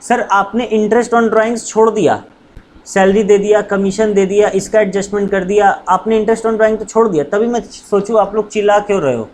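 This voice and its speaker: A man's voice: high-pitched, steady tone, moderate pace, a little mellow, a little hiss or hum, natural voice. A male teacher voicing a cheeky student who keeps questioning and complaining in class.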